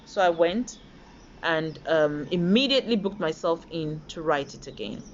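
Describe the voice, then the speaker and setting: A woman from Nigeria giving a motivational talk, telling personal stories in an animated way and acting out the voices she quotes. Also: deep voice, moderate pace, highs cut off, a little hiss or hum. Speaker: motivational speaker.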